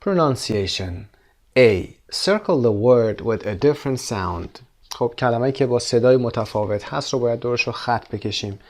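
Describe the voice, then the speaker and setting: A man working through a textbook lesson. His voice sits at an ordinary middle pitch. He reads the English out slowly, then races through the explanations. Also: animated, darkish tone. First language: Persian. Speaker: English teacher.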